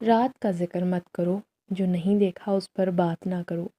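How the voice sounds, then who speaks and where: A woman voicing a weary, secretive poor mother in a storybook tale, speaking in a soft, resigned, warning way. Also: on the low side, steady tone, lightly acted. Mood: pleading.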